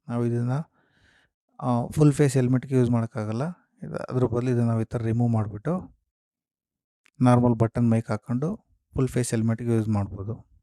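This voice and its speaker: In a relaxed product walkthrough, the host of a gear unboxing and review video explains each step, slipping English terms into his speech. He has a warm, medium-pitched voice with vocal fry. The recording is clean studio sound without echo.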